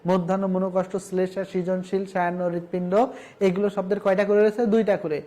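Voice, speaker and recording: A man's voice: high-pitched, flat delivery, fairly quick, dark tone. A man from Bangladesh, a college lecturer giving a recorded lesson, emphatic as he drills word lists and repeats his instructions.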